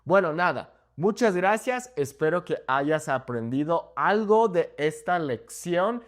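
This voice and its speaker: A young man teaches a casual Spanish lesson to camera. His voice is fairly high for a man and moves up and down a lot as he explains. He keeps asking "okay?" to check that the viewer follows. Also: normal speed. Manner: lively, often checks in with "okay?".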